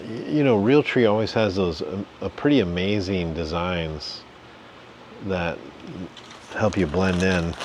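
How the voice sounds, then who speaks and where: A man's voice: deep voice, very noisy. A man, hosting a casual home vlog, rambling in a folksy, jokey way with lots of fillers. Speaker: channel host, reseller. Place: home basement.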